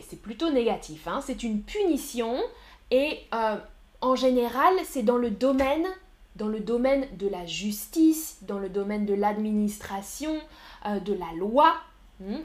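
Woman, French teacher on a live stream, slow and deliberate, slightly high voice, repeats key words for learners. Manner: slow, clear teacherly delivery with repetitions; chats with viewers in the chat. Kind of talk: live-stream language lesson.

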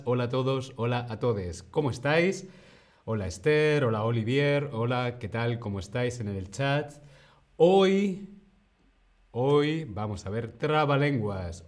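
A man leads a live-streamed Spanish lesson. He talks at an unhurried pace, sounding out every word with care and repeating phrases for his viewers. His pitch sits in a middle range. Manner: slow, over-articulated and repetitive for learners. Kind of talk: live online language lesson.

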